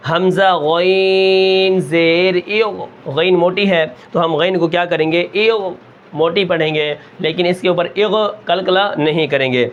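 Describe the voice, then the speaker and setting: A man with a Pakistani Urdu accent teaching Quran reading, drawing out each example syllable slowly and then asking and answering his own questions. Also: fairly high pitch, dull audio, a little hiss or hum. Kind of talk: slow drilled lesson with rhetorical questions.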